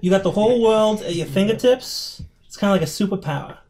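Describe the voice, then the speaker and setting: A man's voice: high-pitched, fast, a little mellow, a little hiss or hum, lightly acted. A man playing a stern adult lecturing a youngster in a tabletop game, insistent and scolding. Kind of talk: tabletop role-play.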